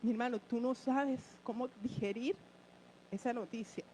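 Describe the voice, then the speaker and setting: A woman's voice: on the high side, normal speed, mellow, slight background noise, low-quality recording. A woman giving an earnest personal testimony in church, short of breath with emotion and speaking straight to her listeners. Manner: earnest, addresses listeners directly.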